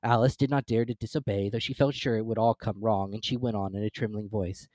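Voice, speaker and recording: A man's voice: lowish voice, fairly even intonation, fast talker, a little mellow, no room sound. A man narrating a children's story as a scripted dramatic reading.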